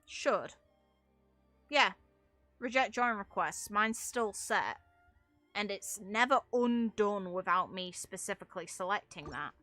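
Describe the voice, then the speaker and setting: Soft music plays behind this young woman as she streams games and talks loosely with her audience, wandering from topic to topic and swearing mildly. She speaks slowly at medium pitch, animated, with a pushed, bright quality.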